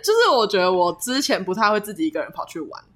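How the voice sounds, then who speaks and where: Woman, fast pace, bright tone, casual podcast co-host chat. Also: medium pitch, big pitch swings.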